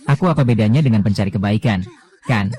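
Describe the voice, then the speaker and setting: Guy with a low mellow voice reading all the drama lines, same even tone for everyone. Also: quick pace, slightly rough. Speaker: voice-over reader of a drama. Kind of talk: dubbed drama dialogue read by one voice.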